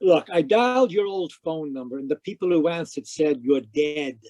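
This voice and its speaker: In this live remote radio drama over video call, the actor voices the wry, curious private eye, delivering hard-boiled first-person narration and dialogue. His natural voice is fairly high-pitched yet dark in tone, animated, at normal speed.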